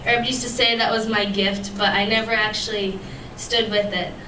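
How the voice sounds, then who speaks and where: Still recovering from a lost voice, a young woman delivers an earnest devotional to her church fellowship as a youth speaker, full of ums and restarts. Her mid-range voice is fairly quick, pushed and bright with little pitch movement, caught by a distant mic in a noisy, echoey room.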